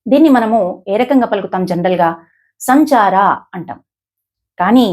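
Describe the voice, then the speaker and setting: A woman giving a lesson on pronouncing shlokas, explaining slowly and demonstrating each sound with stressed examples. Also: fairly high pitch, a little mellow, breathy edge. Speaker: advocate teaching shloka pronunciation.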